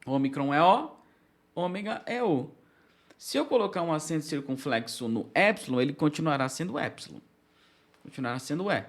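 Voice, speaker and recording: A man's voice: a little high, expressive, moderate pace. A man with a Brazilian Portuguese accent, teaching a recorded lecture and often checking in with his students. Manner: explanatory, with frequent check-ins and restarts. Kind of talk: recorded lecture on biblical Greek.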